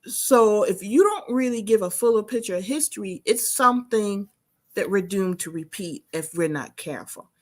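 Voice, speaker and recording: A woman's voice: medium pitch, normal speed. A woman from Georgetown County, South Carolina, speaking earnestly and reflectively as a guest in a panel discussion. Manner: earnest, reflective, animated when telling stories.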